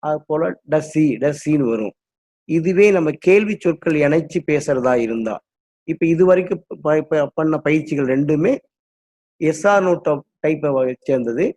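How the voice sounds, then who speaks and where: A man teaches English grammar, patiently explaining and drilling sentence patterns one at a time. His voice is on the high side, unhurried and a little mellow, captured in a dull lo-fi recording.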